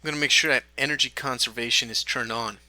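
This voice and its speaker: A man teaching a software tutorial, talking through each step in a relaxed way with small fillers. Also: medium pitch, fast talker, dry recording. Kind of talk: screen-recorded software tutorial.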